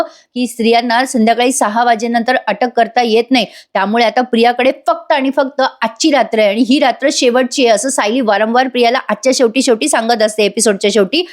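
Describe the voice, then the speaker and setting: Marathi lady chatting thru a soap recap, kinda high voice, talks right to viewers. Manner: chatty, addresses viewers directly. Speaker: TV serial reviewer. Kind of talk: voice-over episode recap.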